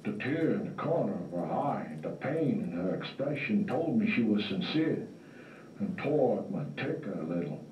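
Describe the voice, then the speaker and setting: A man playing a world-weary hardboiled detective, narrating a film-noir story in a slow, wry, tough-guy drawl. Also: lowish voice, sing-song, slight background noise. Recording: roomy, distant, dull lo-fi recording with faint music.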